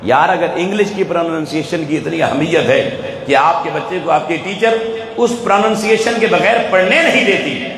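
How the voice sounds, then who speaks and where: With a crowd audible behind him, a man with a fairly high voice and a Pakistani Urdu accent delivers a sermon in an echoey event hall. This religious speaker keeps pushing his listeners with rhetorical questions amid faint ambience.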